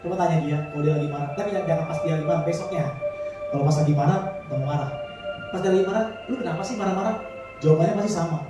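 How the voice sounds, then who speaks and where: A man's voice: a little high, very fast. A male pastor preaching a sermon in casual slang, building to fervent appeals. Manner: colloquial Jakarta-style slang, rising to fervent exhortation. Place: large church hall. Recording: echoey hall from far off, music behind.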